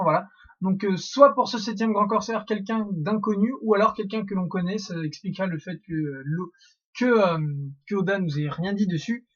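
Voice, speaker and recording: A man's voice: high-pitched, dull audio. A young man hosting a casual theory monologue, rambling with many fillers and restarts. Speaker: YouTube theory host.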